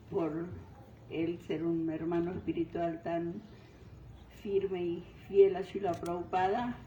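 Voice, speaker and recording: An older woman from Venezuela giving a devotional talk, pausing often and searching for words. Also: fairly low pitch, dark tone, a little hiss or hum. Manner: unhurried, searching for words, frequent fillers. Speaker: guest speaker. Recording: distant mic in roomy hall.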